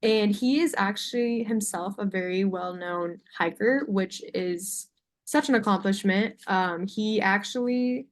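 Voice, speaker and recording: A woman's voice: mid-range voice, unhurried. A young adult woman giving a sales presentation on a video call in an informal, somewhat hesitant way. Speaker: salesperson pitching to a buyer. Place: video call with screen sharing.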